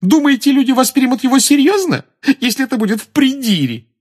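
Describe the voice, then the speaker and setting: A cold, scornful woman reporter, put on by a male reader. She talks in a raised, husky voice with lively swings of pitch, businesslike and mocking by turns. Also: moderate pace. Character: sharp, scornful adult female journalist.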